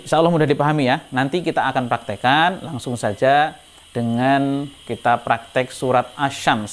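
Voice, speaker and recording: A man teaching a Quran recitation melody, explaining the steps and showing them. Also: medium pitch. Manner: explains a melody and then chants the verses slowly. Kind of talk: recitation lesson.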